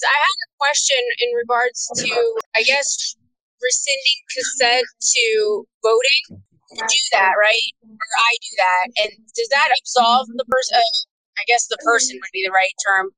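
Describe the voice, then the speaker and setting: A woman on a call from her car with thin, tinny audio that has no bass, asking a question hesitantly and thinking aloud. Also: bright, forceful tone, no room sound. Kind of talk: casual group call. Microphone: remote call.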